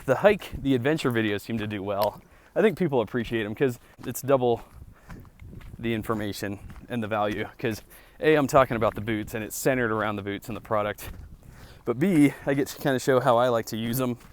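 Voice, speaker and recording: A man with a medium-pitched voice vlogs outdoors on a trail. He talks casually and reflectively, thinking aloud as he rambles along. There is faint background noise with some clicks. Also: a little fast. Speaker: vlogger and boot reviewer. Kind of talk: casual rambling vlog talk. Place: outdoors on a mountain hiking trail.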